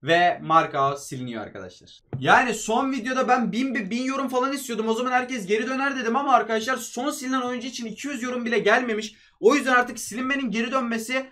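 High-voiced, fast-talking excited young man. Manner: excitable, commentates like a football announcer, talks to his players. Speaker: mobile game video creator. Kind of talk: excited gameplay commentary.

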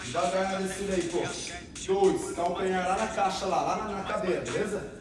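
Brazilian man, native Portuguese speaker, aerobics instructor, high voice, energetic counting and urging, music playing behind. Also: quick pace. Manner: energetic, motivating, exerting himself while demonstrating. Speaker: aerobics instructor leading a workout class. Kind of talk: aerobics instructor calling out exercises, counts and encouragement. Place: large indoor gym studio. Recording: echoey gym hall, distant mic, music behind.

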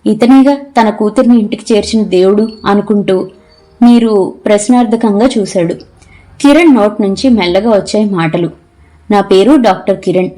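A woman narrating a novel in an audiobook, telling the story in a measured, expressive way. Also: medium pitch. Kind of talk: scripted narration.

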